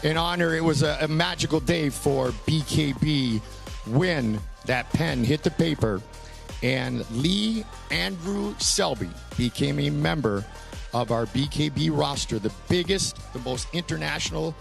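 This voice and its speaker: A man's voice: a little high, a little slow, vocal fry, soft background music. A man hosting a fight promotion interview, enthusiastic and promotional in manner. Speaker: commentator and host. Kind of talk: event hype interview. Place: indoor arena venue.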